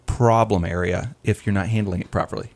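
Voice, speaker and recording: A man's voice: lowish voice, fairly even intonation, fairly quick. A man hosting a casual chat about work, often affirming others with "right" and "yeah.". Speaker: podcast host.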